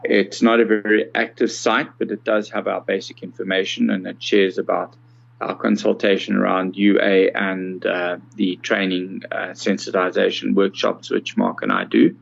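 A South African accessibility consultant in his sixties is interviewed, explaining things in a calm, measured, conversational manner. His voice is lowish and gravelly, and the audio comes across slightly dull and muffled.

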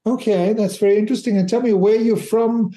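A man's voice: high voice, fairly even intonation, brisk, mellow. A man hosting an interview podcast, reading a scripted introduction and then asking questions in a friendly way with hesitant fillers. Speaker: podcast host. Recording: echoey room with music under.

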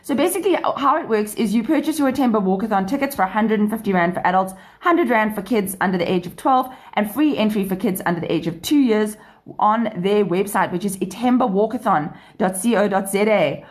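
A woman's voice: mid-range voice, animated, fairly quick. A woman with a South African accent hosting a radio show, presenting in an enthusiastic, upbeat way that mixes scripted items with chat. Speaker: radio show and podcast host.

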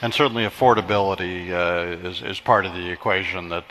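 A genial, joking man from the United States moderates a conference panel, passing questions along with many hesitant fillers. His low voice has a bright, forceful edge. A faint ambient hum sits behind him. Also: fairly even intonation, brisk. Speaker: session moderator.

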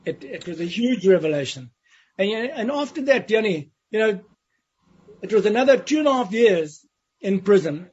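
As an interview guest, a man with a high-pitched, very animated, darkish voice and a breathy edge vividly recounts his time in prison at a moderate pace. He acts out the voices of other people in his story, and the recording has a dull lo-fi sound.

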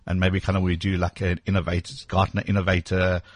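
A man hosts a tech radio show, talking with quick eager energy and plenty of "you know" and "um". His voice sits low with a husky edge. The studio sound is dry and close. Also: monotone, dry recording. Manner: enthusiastic, quick, filler-heavy. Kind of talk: casual radio chat.

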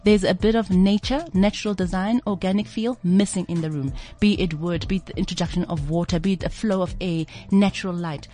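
A woman's voice: fairly low pitch, a little fast, hardly any pauses, dark tone. A middle-aged South African woman with a buttery, honeyed voice, talking as an interior designer in a radio interview. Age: 40s or older.

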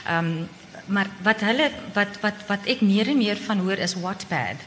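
A woman's voice: medium pitch, normal speed, a bit bright. South African woman with broad Afrikaans accent, echoey hall. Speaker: publisher on a panel. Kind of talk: informal panel discussion in Afrikaans with some English words. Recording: echoey hall with background noise.

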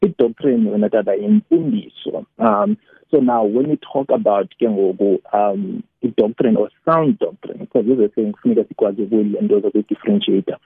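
A South African man with a Xhosa accent speaks over a narrow, tinny line with a rough, husky voice. As a guest preacher he explains teaching informally, repeating phrases haltingly and switching between two languages. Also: fairly low pitch, animated, dry recording.

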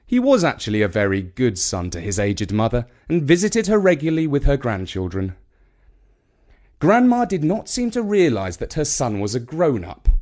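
A mid-range male voice with a British accent tells a scripted children's story, paced in a measured way and full of storytelling expression.

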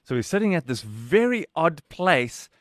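A man hosting a radio interview, talking in an animated, conversational way. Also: a little high, moderate pace, dry recording, studio quality. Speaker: radio host.

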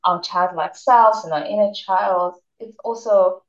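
A woman self-care coach speaks gently and reflectively, often saying "you know". She sounds distant and roomy, and the remote line is dull. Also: medium pitch, measured pace. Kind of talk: casual radio interview chat.

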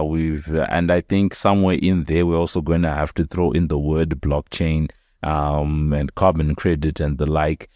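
Very deep-voiced male podcast host. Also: a little mellow, no room sound, clean studio sound. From South Africa. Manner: hesitant, many fillers and restarts. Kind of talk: business interview.

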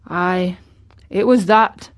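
In a storybook reading, a woman voices a crabbed yet tender old gardener with a Yorkshire accent, dry and grumpy. Her fairly low voice moves at a slow pace, and the character is older.

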